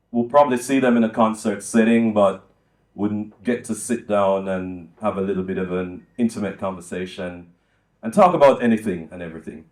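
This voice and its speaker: An older man from Jamaica, hosting a live on-stage chat with a small audience and speaking in a measured way with many ums. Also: on the low side, reverberant. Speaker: host. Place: music lounge venue with a small audience.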